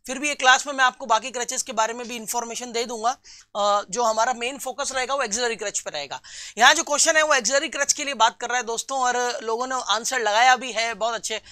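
A man teaching a live online class for nursing exam students. He reads out viewers' answers, calls them friends and repeats key terms slowly. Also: extremely high pitch, pushed and bright, dry recording, clean studio sound.

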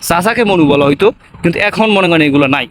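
A man's voice: a little high, lively intonation, rapid-fire, slight background noise. A young man from Barishal with a Barishal Bengali accent, chatting casually to camera in a rambling way, tacking on tag questions. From Patuakhali, Barishal, Bangladesh. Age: young adult. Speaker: vlogger.

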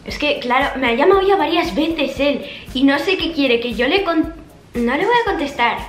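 High-voiced young woman vlogging. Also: animated, moderate pace. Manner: chatty, dramatic, reads messages aloud with punctuation. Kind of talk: casual storytelling, reading text messages aloud. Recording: echoey room with faint background music.

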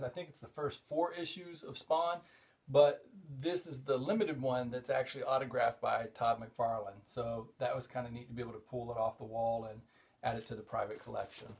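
A middle-aged man who collects comics and hosts a show walks through his collection in a relaxed, rambling show-and-tell vlog, full of "uh"s, restarts, and excitement at each find. His ordinary mid-pitched voice is creaky, and the recording, made by a camera a few feet back in a cluttered hobby room, carries a little hiss or hum.

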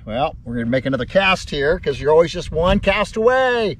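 A middle-aged man on a bass boat, chatting to his viewers as he casts and reels in fish. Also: big pitch swings, brisk, a little hiss or hum. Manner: talks to viewers while casting, upbeat and chatty. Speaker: fishing vlogger. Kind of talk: casual fishing vlog commentary. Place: open bass boat on a lake, outdoors.

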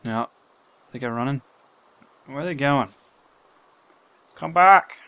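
A young man commenting live on his gameplay, talking to himself and getting excited. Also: mid-range voice, moderate pace, smooth. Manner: excitable, talks to himself, swears and laughs.

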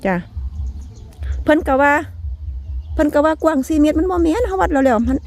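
Her voice is high and a little fast as she hosts a casual garden vlog outdoors at her rural home. Speaking with a Northeastern Thai Isan accent, she chats with viewers in a folksy way, laughs a lot, and closes phrases with soft polite particles.

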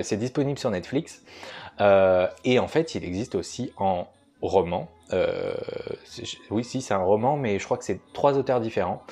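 A man's voice: lowish voice, a little mellow. A young man chatting casually in a book vlog, self-mocking and hesitant, recorded indoors at home at night. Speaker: booktuber.

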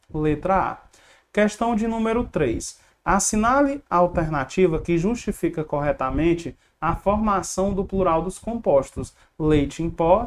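A Brazilian teacher explaining exam questions step by step, asking questions and answering them. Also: mid-range voice. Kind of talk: online lesson solving exam questions.

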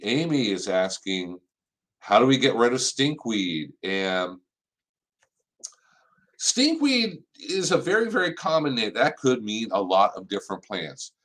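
Relaxed low-voiced older man giving garden advice. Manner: relaxed, conversational, practical advice with fillers. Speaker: extension horticulture host. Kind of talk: live-stream gardening Q&A. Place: office with framed certificates on the wall.

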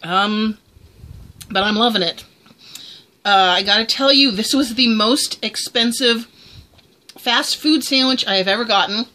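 A woman's voice: on the high side, a little slow, pauses often, sharp tone. A woman chatting casually through a food review, exclaiming as she tastes.

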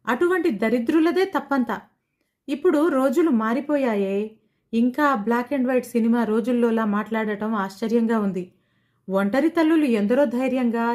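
A woman's voice: fairly high pitch, lightly acted. A woman storyteller voicing a bold young woman who scolds her friend and then urges her to be brave. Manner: scolding, forceful, encouraging.

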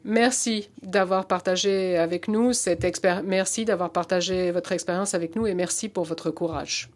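A woman's voice: lowish voice, steady tone, moderate pace. A woman working as a live conference interpreter, delivering the speech phrase by phrase with halts.

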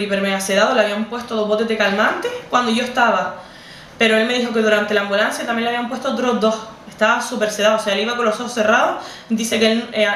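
A woman's voice: fairly high pitch, fairly bright tone, distant mic. A young woman with a Canarian Spanish accent retelling a personal story to camera in an emotional, repetitive, conversational way. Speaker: vlogger. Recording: roomy, set back from the mic.

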